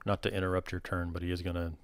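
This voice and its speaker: Man, game master, low pitch, clean resonant voice, casual colloquial narration, dry recording. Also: little pitch movement, very fast, clear, resonant tone, no echo. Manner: colloquial, explanatory.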